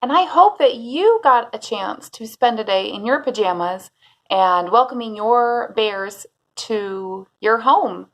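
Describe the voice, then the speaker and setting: Higher-pitched woman teacher addressing children, assembly-style. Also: animated, a bit bright. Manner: cheery sing-song greeting, asks questions and pauses for answers; casual, chatty, talks directly to pupils by name. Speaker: preschool teacher. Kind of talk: addressing young children like a school assembly speaker.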